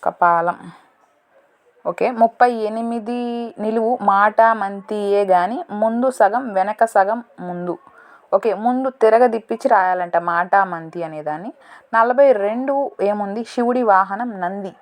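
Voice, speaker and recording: A woman solving a word puzzle in a casual lesson, thinking aloud, slow and deliberate, correcting herself as she goes. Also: mid-range voice, a little mellow. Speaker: teacher solving a crossword.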